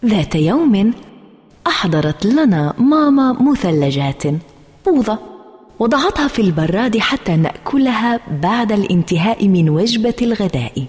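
A woman reading a children's story aloud in a playful, animated first-person voice, with a long hall reverb on the recording. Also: medium pitch, normal speed.

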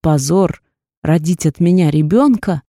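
A woman voicing a hot-tempered young man, a blunt, gruff boyfriend who shouts in anger. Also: mid-range voice, moderate pace, dry recording, studio quality, natural voice. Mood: furious.

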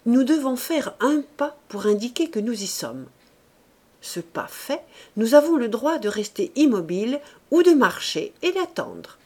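A woman reading a novel aloud in an expressive, measured way, sometimes dropping to a hushed near-whisper. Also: a little high. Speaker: audiobook reader.

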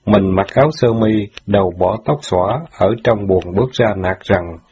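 Husky low-voiced male narrator. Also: moderate pace, darkish tone. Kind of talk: audiobook narration. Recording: dull lo-fi audio.

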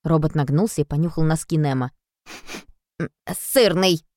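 A woman narrating a children's storybook in an even, clear reading voice. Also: lowish voice, a little fast, no echo, studio quality.

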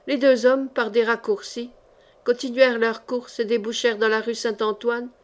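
A woman narrating an audiobook novel in a measured, expressive reading. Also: on the high side. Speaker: audiobook reader.

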